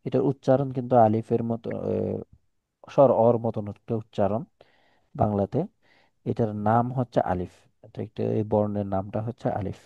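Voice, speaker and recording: A man's voice: lowish voice, steady tone, moderate pace, gravelly, long pauses, dry recording, muffled recording. A man with a Chittagong Bengali accent teaching Quran letters one on one, explaining patiently with repetition and examples.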